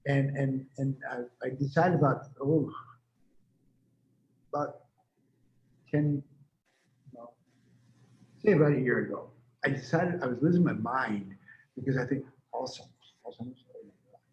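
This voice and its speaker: A man's voice: medium pitch, unhurried, long pauses. Rambling talkative man in his seventies. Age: 70s. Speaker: healer and medium being interviewed. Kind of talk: casual interview talk. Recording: echoey room, dull lo-fi sound.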